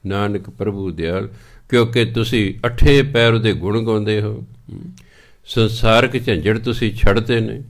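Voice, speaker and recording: Male Punjabi preacher, fairly low voice, measured scripture exposition, slow recited verses, repeats key phrases. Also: steady tone.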